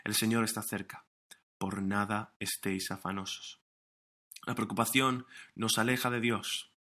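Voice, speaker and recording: A man's voice: on the low side, little pitch movement, a little slow, bright, forceful tone. A man preaching a sermon as pastor, earnest and emphatic, often restarting his phrases, recorded for an online broadcast. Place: recorded for online streaming during lockdown.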